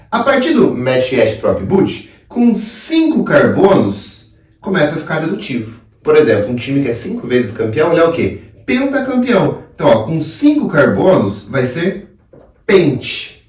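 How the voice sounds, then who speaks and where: A man's voice: a little high, huge pitch swings, normal speed, a little mellow. A man with a Brazilian Portuguese accent teaching a chemistry lesson, asking himself questions and answering them. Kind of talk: video lesson explaining at a board. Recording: roomy sound, voice a bit far from the mic.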